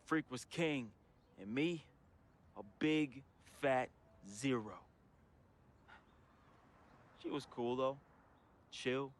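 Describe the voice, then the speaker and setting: This actor's mid-range voice moves very slowly and pauses often, with music behind it. He plays a troubled young American man in mourning, reading his friend a farewell letter in a confessional voice-over monologue. The tone is dramatic, slangy and emotional, heartfelt and urban American, with a fond, wistful mood.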